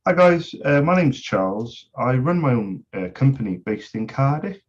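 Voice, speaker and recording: A man's voice: medium pitch, very animated, normal speed. A man leaving a short voicemail message, hesitant with filler sounds. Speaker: caller. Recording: dull lo-fi recording.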